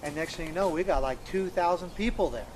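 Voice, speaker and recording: Man, earnest and emphatic storyteller, slightly high voice, repeats himself, faint noise underneath. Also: a little fast. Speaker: interviewee recounting events. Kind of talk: conversational storytelling.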